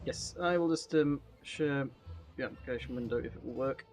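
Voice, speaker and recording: A man's voice: medium pitch, moderate pace, a little mellow, faint music behind. A man chatting casually as he hosts a live game stream, speaking into a headset mic.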